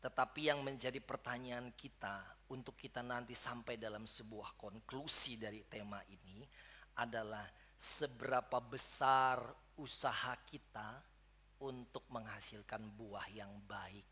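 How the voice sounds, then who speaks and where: Male pastor preaching a sermon. Bright, forward tone at a middling pitch. Speaks straight to the congregation and builds to emphatic peaks. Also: steady tone, a little slow, husky. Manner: addresses the congregation directly, rising to emphatic peaks. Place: church service.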